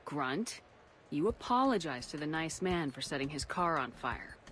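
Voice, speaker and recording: A woman's voice: deep voice, expressive, moderate pace, background noise. A woman playing a composed, dry-witted military commander in a video game, speaking in short, controlled sentences. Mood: dryly amused. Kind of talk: video game character dialogue.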